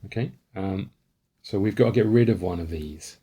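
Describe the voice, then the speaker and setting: Low male voice, relaxed host of a solo board game playthrough who reads the rules and thinks aloud. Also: normal speed, slightly rough. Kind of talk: casual tabletop playthrough.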